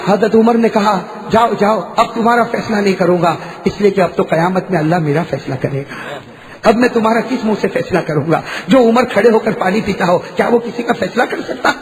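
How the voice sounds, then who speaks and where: A man preaching a storytelling sermon, swinging from quiet talk to loud shouting and calling on the audience to answer. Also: high voice, a little fast, long reverb tail. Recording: noisy live sermon recording.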